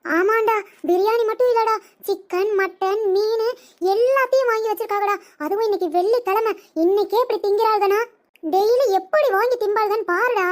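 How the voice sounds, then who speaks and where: A woman's voice: very high voice, brisk. A woman voicing a scolding, nagging older mother-in-law in a cartoon comedy. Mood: scheming.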